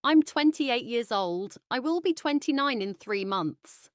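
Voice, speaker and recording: A woman's voice: fairly high pitch, lively intonation, no room sound, clean studio sound. A woman playing a friendly young British office worker. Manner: slow, carefully pronounced, friendly. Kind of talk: scripted practice dialogue.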